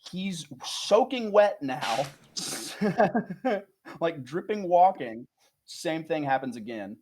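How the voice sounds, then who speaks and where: A man co-hosting a comedy podcast, telling a rambling, animated anecdote in casual chat with some swearing. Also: fairly high pitch, slow pace, background noise. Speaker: podcast co-host.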